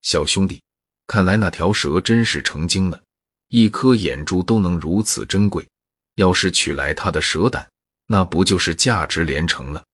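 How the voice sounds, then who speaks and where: A man's voice: low-pitched, moderate pace, a bit bright, breathy edge, no room sound, clean studio sound. A man telling a story and voicing a shrewd, middle-aged shopkeeper in his own plain voice. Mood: scheming. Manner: plain storyteller's voice with little change.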